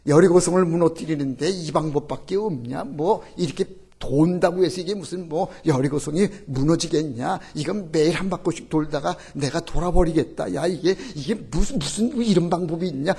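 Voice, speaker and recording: A man's voice: a little high, normal speed, vocal fry, few pauses, mellow, husky. A pastor playing a complaining Israelite man who mutters as he marches around the city walls. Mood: grumbling. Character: grumbling ancient Israelite man marching, fed up.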